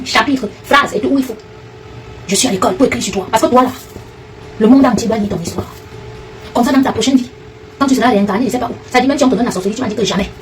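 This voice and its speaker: A woman ranting fast and confrontationally, addressing a rival directly in a heated online video. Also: a little high, far from the mic, poor audio. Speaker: online commentator. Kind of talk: heated direct-to-camera rant.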